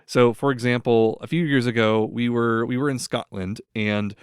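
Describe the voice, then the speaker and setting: In casual chat, a young man from the United States who hosts a podcast tells rambling stories stuffed with fillers, especially "like." He speaks at normal speed in a steady, clear, resonant mid-range voice. The sound is dry and clean, studio-style.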